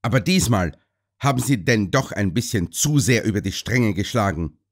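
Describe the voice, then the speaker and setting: A furious young gentleman storms about, loud and indignant in broad country speech, as a male narrator voices him. His pitch leaps up and down as he rants. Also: animated, unhurried. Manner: shouting, broad country dialect.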